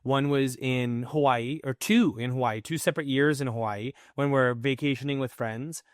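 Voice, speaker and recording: In casual conversation on a podcast he co-hosts, a man tells personal stories candidly and animatedly, acting out his own inner voice. His pitch is medium, his speed normal, and the studio sound is clean with no room sound.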